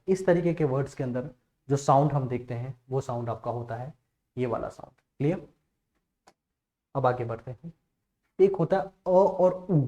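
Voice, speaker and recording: A man teaching phonetics, reading out example words louder and checking whether students understand. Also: fairly high pitch. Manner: reads word lists aloud, louder on example words; asks "clear?" and says "okay" often. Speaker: English teacher. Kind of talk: phonetics lesson.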